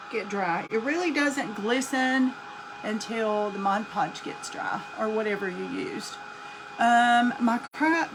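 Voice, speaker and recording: A woman's voice: fairly high pitch, background noise. A woman with a North Carolina Southern accent, hosting a live-streamed craft demonstration from her craft table and chatting folksily with viewers by name as she works. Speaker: craft host.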